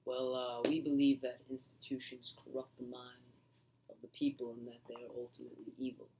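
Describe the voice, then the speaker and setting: A young man playing an earnest old male philosopher in an amateur school skit, talking haltingly with many ums while reciting his lines. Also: medium pitch, monotone, creaky, dark tone, a little hiss or hum, lightly acted, low-quality recording. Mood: assured.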